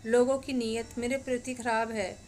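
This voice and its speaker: A woman voicing a young woman heroine who sounds steady and reassuring despite her troubles. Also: fairly high pitch, normal speed, a little hiss or hum, natural voice. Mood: resolute. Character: young woman heroine, weary but hopeful.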